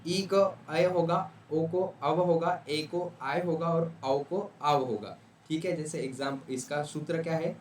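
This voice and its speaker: A man's voice: on the high side, steady tone, measured pace, darkish tone, echoey room, distant mic, slight background noise. A man whose first language is Urdu, giving a casual exam revision lecture and often checking in with "okay". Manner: casual, repeats "ठीक है" often. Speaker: tutor.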